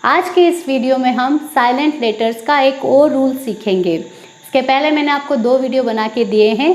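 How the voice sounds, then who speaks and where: A woman's voice: high-pitched, darkish tone. A young woman, teaching an English lesson to viewers, repeating key points and answering her own questions.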